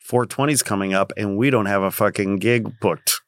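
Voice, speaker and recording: A man's voice: fairly low pitch, normal speed, no echo, clean studio sound. A man co-hosting a podcast, wisecracking in casual banter. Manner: animated, wisecracking. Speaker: podcast co-host. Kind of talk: casual chat.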